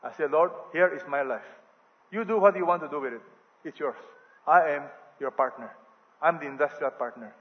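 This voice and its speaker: A Filipino-accented man delivering a sermon, his voice sitting a little high for a man and swelling loudly on the lines he stresses. The sound carries a long reverb from a big church hall and is slightly dull and muffled. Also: normal speed. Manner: animated, rising loud on key phrases. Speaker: preacher.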